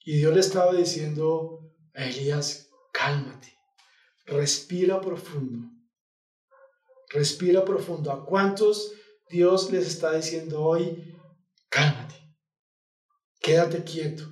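A male youth pastor preaching a sermon, telling a scripture story dramatically and dropping to hushed, calming phrases, recorded from a distance in an echoey room. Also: a little high.

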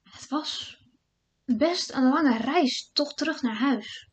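High-voiced woman telling a spooky tale. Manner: slow, often dropping to a hushed whisper. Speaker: storyteller. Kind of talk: first-person fairy-tale storytelling. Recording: dull lo-fi recording.

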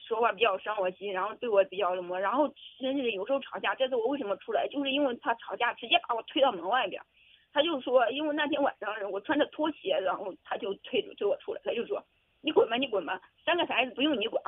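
A woman calling an advice show, halting and hesitant, repeating herself and close to tears. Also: on the high side, animated. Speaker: caller. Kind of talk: call-in radio advice. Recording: tinny phone line.

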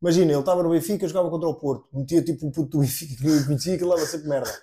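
A man with a European Portuguese accent co-hosts a casual podcast. He talks quickly in a warm, relaxed voice that sits a little high, and swears freely. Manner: laid-back, swears often. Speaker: podcast co-host. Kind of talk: casual chat.

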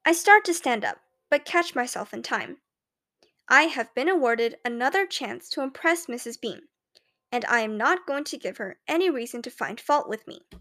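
Woman, audiobook narrator, first-person story reading, clear and expressive, high voice. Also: normal speed.

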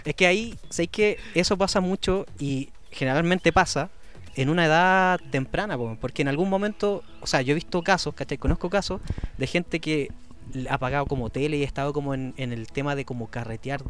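A man's voice: on the high side, a little fast, fairly bright tone, faint music behind. A Chilean man co-hosting a podcast, chatting casually with friends and tossing in jokes. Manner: jokey interjections. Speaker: podcast co-host. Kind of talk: casual chat among friends.

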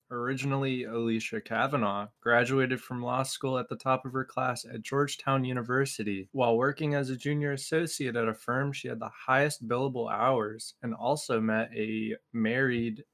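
A man co-hosting a podcast, reading a prepared summary in a flat, slightly hesitant way. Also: mid-range voice, moderate pace. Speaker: podcast co-host.

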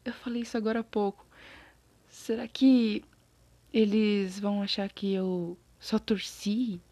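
A woman's voice: mid-range voice, unhurried, no room sound. Chatty Brazilian woman with a scratchy throat. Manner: chatty, animated, loses her thread and apologizes. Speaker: storyteller. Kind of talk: casual storytime monologue.

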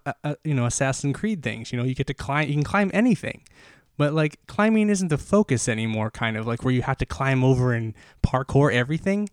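A man's voice: medium pitch, no echo, clean studio sound. A man hosting a solo podcast, talking enthusiastically in a rambling way with lots of fillers and restarts, a little out of breath. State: slightly out of breath. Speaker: podcast host.

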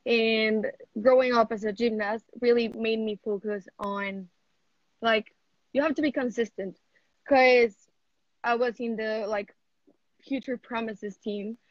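Heard through a dry, lo-fi recording, a teenage Mexican athlete of seventeen talks slowly with a fairly high pitch and fairly even intonation. Chatting casually over a video call for an interview, she leans heavily on "like."

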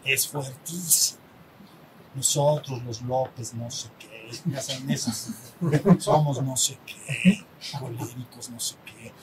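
This man, a spiritual teacher with a Mexican accent, speaks slowly and with fairly even intonation to a small group. He talks conversationally, asks them to agree, and performs little dialogues, while a faint rumble sits underneath.

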